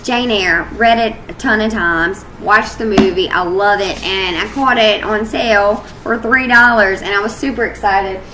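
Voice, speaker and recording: A woman's voice: medium pitch, normal speed, few pauses, noisy background. A woman chatting casually in a couple's vlog, rambling and laughing often. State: hiccups. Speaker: vlog co-host.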